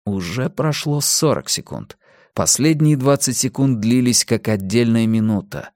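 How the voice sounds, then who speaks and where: A man's voice: mid-range voice, animated, unhurried, a little mellow, no echo, clean studio sound. A man narrating an audiobook in a tense, urgent storytelling manner. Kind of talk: audiobook reading.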